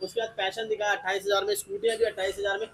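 A man's voice: high voice, level tone, rapid-fire, slight background noise. A man hosting a promotional showroom walk-through, questioning and repeating offers for viewers. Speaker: video host. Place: tiled scooter showroom, indoors.

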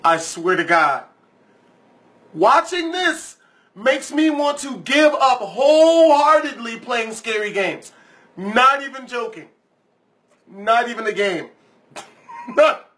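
Male reaction host, high-pitched and bright, blunt casual swearing, music behind. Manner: profane, blunt. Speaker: YouTuber, reaction video host. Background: music and horror game video audio.

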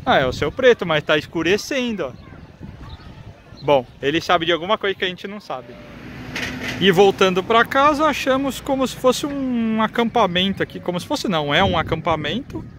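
Holding his phone at arm's length, a man in his thirties with a Brazilian Portuguese accent vlogs casually while strolling a busy town square and park. His voice sits high and sounds expressive at normal speed, chatty as he points things out, with crowd and street noise around him.

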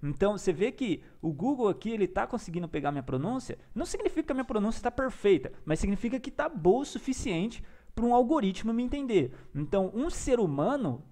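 A man's voice: high voice, very animated, fast, few pauses, dark tone. A young man teaching in a casual, enthusiastic vlog-style lesson, peppering his talk with slang and tag questions. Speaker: language learner and teacher.

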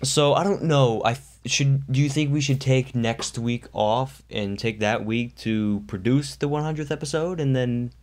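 A man's voice: mid-range voice, moderate pace, few pauses, darkish tone. A man co-hosting a casual unscripted chat who rambles and loses his train of thought. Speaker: co-host.

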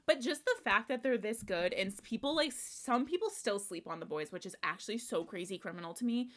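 A young woman giving casual reaction commentary on a music video, excitable and gushing, swearing casually and trailing off into restarts. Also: medium pitch, fairly quick. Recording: faint music playing behind. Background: faint music.

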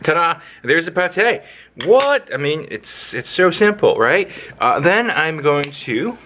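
Host, male, cooking vlogger: lively rambling delivery, bright voice, faint room hiss. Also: on the high side, slow pace. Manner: playful, rambling, with sing-song sound effects. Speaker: home cook, channel host. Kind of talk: casual cooking demo. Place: indoor kitchen, overhead camera on hands.

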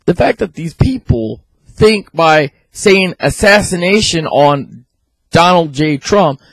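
A man's voice: on the high side, lively intonation, slow pace, fairly bright tone, no echo, low-quality recording. A man in his thirties, a video blogger speaking a little oddly after oral surgery, giving an indignant, opinionated rant to camera. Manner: indignant, rhetorical questions. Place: small room at home. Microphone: handheld microphone close to the mouth.

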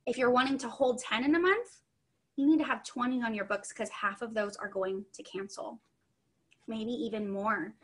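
A woman's voice: fairly high pitch, normal speed, breathy edge. A young adult woman giving a chatty, upbeat online training session, full of asides, over a video call. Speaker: sales trainer.

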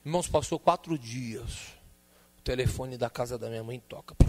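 A man preaching a sermon, telling a personal story with lively acted-out dialogue and calling out to the congregation. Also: medium pitch, gravelly. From Brazil. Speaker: pastor.

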